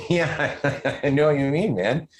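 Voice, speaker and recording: A man's voice: a little high, lively intonation, slow, low-quality recording. A man who writes horror, a podcast guest talking in casual chat, rambling and restarting his sentences often.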